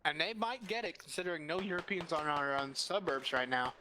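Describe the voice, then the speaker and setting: A man giving excitable, quick play-by-play as a commentator on a team shooter match. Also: fairly high pitch, a little hiss or hum. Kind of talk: casual esports commentary.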